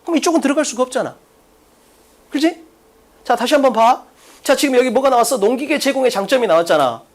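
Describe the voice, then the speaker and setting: Brisk, lively male teacher firing questions. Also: very high-pitched. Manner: brisk, blunt, peppered with rhetorical questions; uses crude slang. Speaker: English teacher. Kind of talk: exam-prep lecture. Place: classroom in front of a blackboard.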